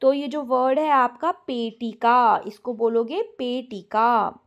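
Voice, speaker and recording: A woman teacher explaining a lesson step by step, dropping in English words and drawing out the answer words slowly. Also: a little high, lo-fi sound. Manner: stretches out words slowly when reading answers. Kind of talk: online class lesson.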